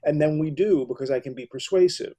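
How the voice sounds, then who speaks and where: A man's voice: fairly high pitch, fairly quick, mellow. A middle-aged American man hosting an interview, telling rambling, enthusiastic stories. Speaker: host. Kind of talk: casual interview talk.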